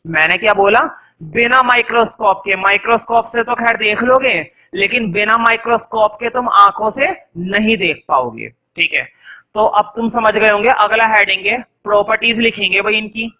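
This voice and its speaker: A young male science teacher talks in a high, bright voice. He quizzes his students as he goes. He then slows right down to dictate notes word by word. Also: rough recording. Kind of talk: classroom lecture in Hindi with English dictation.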